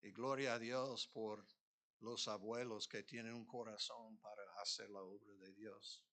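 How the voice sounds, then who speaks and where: Slow, bright-voiced preaching man. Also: on the low side, steady tone. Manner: slow, earnest preaching with rising emphatic peaks. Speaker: pastor. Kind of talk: sermon. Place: church.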